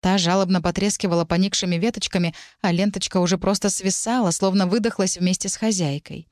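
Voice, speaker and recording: A woman reading a first-person fantasy story aloud, dramatic and tense, with sharp shouted lines for the characters. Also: fairly low pitch, steady tone, fast talker, no echo, clean studio sound. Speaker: audiobook narrator.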